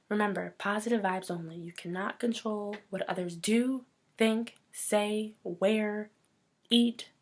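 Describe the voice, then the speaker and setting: Impassioned woman hosting her own show. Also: medium pitch. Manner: earnest, impassioned rant with rallying calls. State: losing her voice. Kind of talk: personal talk show monologue.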